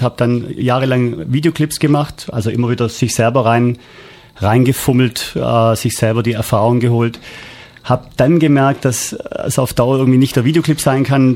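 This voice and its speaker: A man's voice: medium pitch, fairly even intonation, normal speed, a little mellow. A man who produces audiobooks, talking casually as a guest with many hesitations. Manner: anecdotal, hesitant with many fillers. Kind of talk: casual interview talk.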